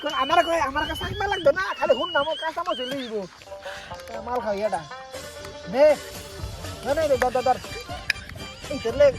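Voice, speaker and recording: A man's voice: extremely high pitch, a little fast, long pauses, low-quality recording. A man playing a boisterous village drunk in an amateur comedy sketch, rambling and repeating himself. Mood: boastful, rowdy. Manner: town drunk, rambling and repetitive. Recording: loud music over the voices.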